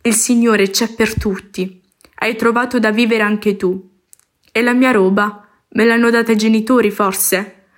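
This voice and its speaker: A woman reading a passage from a novel aloud in a measured, reflective manner. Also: fairly high pitch, steady tone. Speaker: reader.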